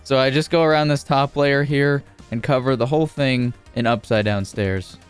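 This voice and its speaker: A man narrating a casual game building tutorial as a YouTuber, speaking informally in a steady, repetitive cadence. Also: mid-range voice, moderate pace, clean tone, faint music behind.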